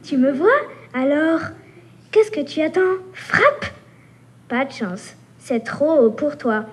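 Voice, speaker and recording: A woman's voice: sits high, expressive, slow pace, a little mellow. A woman reading aloud as a cheeky, teasing little female mosquito, taunting and buzzing. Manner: taunting, playful, buzzing sounds. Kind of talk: reading a story aloud at a workshop.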